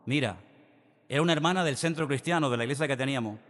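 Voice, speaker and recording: A middle-aged man, preaching a sermon as a pastor with animated storytelling that moves between hushed and emphatic. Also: medium pitch, quick pace. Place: church hall. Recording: reverberant church hall.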